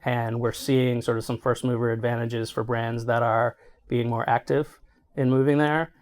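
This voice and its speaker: A man's voice: mid-range voice, little pitch movement, normal speed. A middle-aged man answering interview questions as an executive, explaining conversationally and often checking in with "right?". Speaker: healthcare marketing executive being interviewed.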